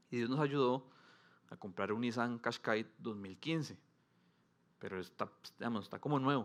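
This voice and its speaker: A man's voice: medium pitch, fairly bright tone. A man in his thirties with a Costa Rican accent, preaching a sermon as pastor in a conversational, humorous way that swells with emphasis.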